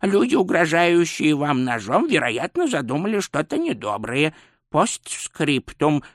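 A man's voice: on the high side, wildly swooping pitch, measured pace, no echo, clean studio sound. A man voicing a nervous, fussy court astrologer in an audiobook, hesitant and pedantic. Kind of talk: audiobook character voice.

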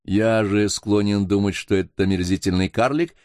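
A man's voice: lowish voice, steady tone, moderate pace, a little mellow, dry recording, clean studio sound, lightly acted. A man reading as a lecturing doctor. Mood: earnest. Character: worldly middle-aged doctor, lecturing.

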